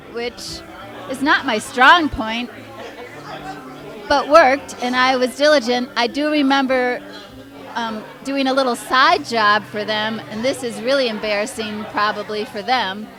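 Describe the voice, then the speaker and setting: Female speaker at a live memorial event, slow rambling memories, audience and music audible. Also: fairly high pitch. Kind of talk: reminiscing tribute speech.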